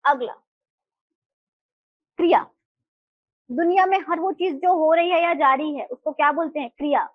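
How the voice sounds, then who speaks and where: A woman's voice: high voice, a little slow, pauses often, no room sound, lo-fi sound. A woman teacher giving a live class, explaining and putting questions to her students in a mix of Hindi and English.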